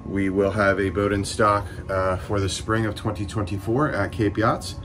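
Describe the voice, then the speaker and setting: On a sailboat at a dockside boat show, a middle-aged man who works as a yacht broker gives a casual, enthusiastic walkthrough, outdoors and in the cabin, with frequent fillers. His lowish voice holds a steady tone at normal speed over background noise. The recording was made on a handheld phone camera.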